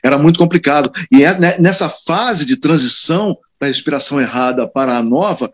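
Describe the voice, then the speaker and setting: A radio announcer from Rio de Janeiro chats casually with fellow broadcasters, telling stories in an animated, emphatic way and driving his points home with frequent tag questions. His voice sits on the high side and moves a little fast.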